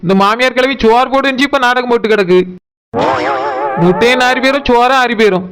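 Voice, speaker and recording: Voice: medium pitch, fast, a bit bright, clean tone, lightly acted. A voice actor playing a hungry, grumbling village woman with a Tirunelveli Tamil accent, complaining about the food going cold. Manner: grumbling, comic. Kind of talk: cartoon voice acting.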